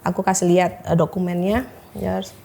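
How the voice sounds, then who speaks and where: Woman, thirties, hesitant, halting, emotional testimony, interview guest. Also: fairly low pitch, steady tone, creaky, mellow. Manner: hesitant, many fillers, quotes doctors in dialogue. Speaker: guest sharing her story.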